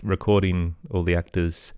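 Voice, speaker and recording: An Australian-accented man, a children's podcast creator appearing as an interview guest, chats casually about his work. His low voice is smooth and a little mellow, with little pitch movement and a moderate pace. The recording is clean studio sound with no echo.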